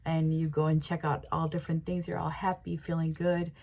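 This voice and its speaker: A woman life coach talks listeners through an imagination exercise. Her voice sits on the lower side, and she speaks casually, repeating herself and leaning on fillers. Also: flat delivery, brisk, vocal fry, a little mellow. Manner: casual, repetitive, with frequent fillers. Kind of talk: guided visualization.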